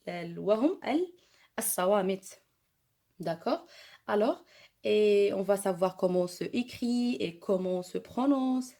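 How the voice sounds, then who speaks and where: A woman with an Arabic accent teaching French to young primary pupils, switching between Arabic and French and repeating each point slowly. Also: mid-range voice, animated, dark tone. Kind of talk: online lesson for children.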